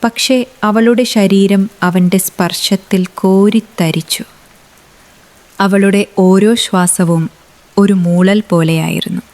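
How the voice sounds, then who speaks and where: A woman reading a romance story aloud as scripted narration, with a measured, unhurried delivery. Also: mid-range voice, steady tone, darkish tone.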